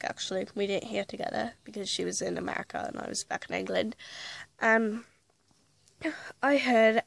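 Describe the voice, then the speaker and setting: Slightly high-pitched and dryly recorded, this woman rambles chattily through a story in a casual vlog, fixing her own words as she goes. She's a vlogger portraying a fictional actress, and a mild cold has her voice beginning to fade.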